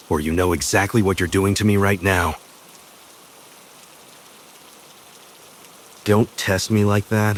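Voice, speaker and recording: A man's voice: sits low, slight background noise, natural voice. Man voicing Gojo Satoru, smug flirtatious professor. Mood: seductive, daring.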